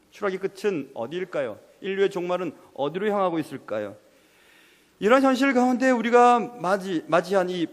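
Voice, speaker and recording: A man with a high-pitched voice delivers a sermon in a church sanctuary. He swings between impassioned, pleading prayer and quiet, hushed asides. A long hall reverb trails each phrase. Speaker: pastor.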